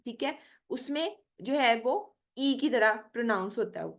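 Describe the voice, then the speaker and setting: Lady teacher, bit high voice, explains slow and keeps checking in, online class. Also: expressive. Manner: explains slowly, mixing Hindi with careful English, keeps saying "theek hai". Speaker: English teacher. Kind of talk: online spoken English lecture.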